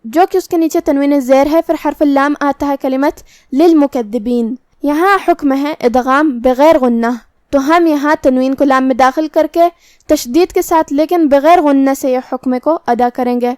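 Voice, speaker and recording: High-voiced woman teaching Quran recitation rules. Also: a little mellow, dry recording, clean studio sound. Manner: methodical, explains each rule step by step. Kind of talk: tajweed lesson explaining rules.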